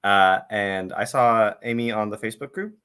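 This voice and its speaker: A man's voice: lowish voice, moderate pace, fairly bright tone, smooth. A man hosting a casual live-streamed interview, talking in an easygoing way with frequent filler words. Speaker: interview host.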